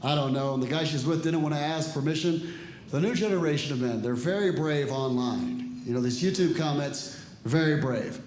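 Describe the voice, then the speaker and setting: A man's voice: fairly high pitch, normal speed, a little mellow. A man in his forties doing a stand-up comedy set with a dry, self-deprecating delivery, acting out bits of dialogue. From Ecuador and El Salvador. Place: comedy club stage with a live audience. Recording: echoey room with audience noise.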